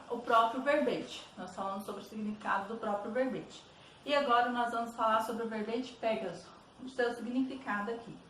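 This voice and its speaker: A Brazilian woman teacher explains exercises to her students patiently, checking in often with little questions. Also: mid-range voice. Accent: Brazilian Portuguese. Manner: patient, repeats "tá bom?" checks. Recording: roomy echo, distant mic, faint noise.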